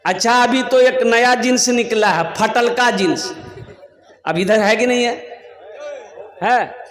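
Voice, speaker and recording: High-voiced preacher in an echoing hall. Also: male voice, takes it slowly, fairly bright tone. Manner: storytelling with jokes, scolds the crowd. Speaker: Islamic preacher. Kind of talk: humorous sermon at a religious gathering. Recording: echoey hall with long reverb.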